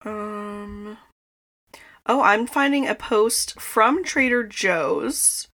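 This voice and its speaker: A young woman with a bright, forward voice talks her way through a snack in a relaxed, rambling chat, breaking into laughs often. She is recording inside a small closet. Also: medium pitch, extremely slow. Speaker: podcast host. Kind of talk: casual chat.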